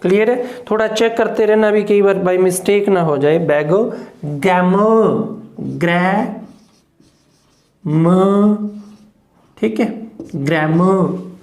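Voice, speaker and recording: An English phonetics teacher giving a classroom lesson. The teacher breaks words into syllables, drills them slowly, and keeps checking whether the class has understood. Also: medium pitch, fairly even intonation, a little mellow. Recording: echoey room.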